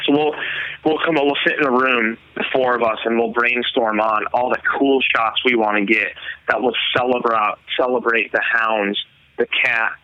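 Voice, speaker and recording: A man talks through how he makes his films, rambling with fillers and restarts. His voice is very bright and forceful. The recording is dry, with dull lo-fi sound. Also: on the low side, dry recording. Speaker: hunting filmmaker guest. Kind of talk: casual interview talk.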